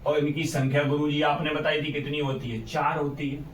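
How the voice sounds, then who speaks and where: A man's voice: a little high, level tone, moderate pace, a little hiss or hum. A male teacher giving an exam-prep lesson, asking his students questions and then answering them himself. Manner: call-and-response questioning. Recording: echoey room, far from mic.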